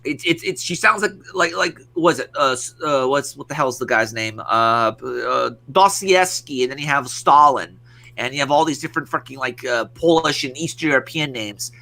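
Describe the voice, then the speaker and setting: A man's voice: mid-range voice, normal speed, gravelly, sharp tone. A man hosting a podcast, ranting casually with lots of swearing and restarts. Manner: rambling, profane, many restarts. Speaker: podcast host. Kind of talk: casual profane podcast rant.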